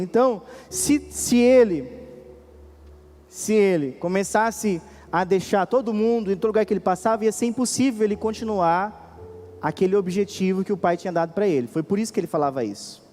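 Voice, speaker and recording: High-voiced Brazilian pastor preaching. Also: male voice, dark tone, long reverb tail. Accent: Brazilian Portuguese. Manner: preaching with sudden rises and drops, questioning the congregation. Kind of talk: sermon. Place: church.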